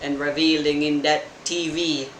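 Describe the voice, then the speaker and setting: A man narrating a tabletop game as game master, halting and full of fillers. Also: on the high side, little pitch movement, a bit bright, reverberant, slight background noise, poor audio.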